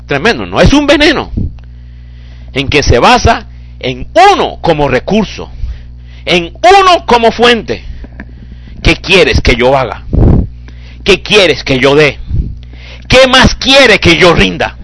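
Pastor, male, high and animated voice, bright tone, dramatic swings from hush to shouting. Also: slow pace, long pauses, low-quality recording. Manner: dramatic preaching, swings from low murmurs to shouted cries. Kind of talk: sermon.

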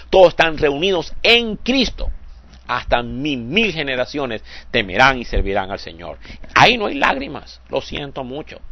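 A man's voice: mid-range voice, dry recording. Older man preaching a fervent sermon. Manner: fervent, repeats "hermanos santos" with a soft drop at phrase ends; stumbles and repeats words when moved.

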